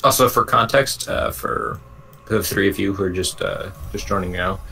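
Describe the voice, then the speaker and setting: A man narrating as game master of an online tabletop game, in a relaxed, rambling way with many fillers. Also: sits low, normal speed, vocal fry, a little hiss or hum.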